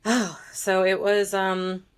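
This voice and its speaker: A woman's voice: medium pitch, flat delivery, takes it slowly, smooth. A woman guest on a podcast, an author, chatting casually with frequent laughs and fillers.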